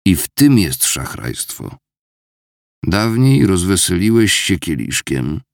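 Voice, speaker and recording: A gloomy old clerk grumbling about the world, as a narrator puts him on. The voice is low and gravelly, with a lively rise and fall. Dry and close. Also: male voice, slow, no room sound, exaggerated voice. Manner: complaining, head-shaking grumble.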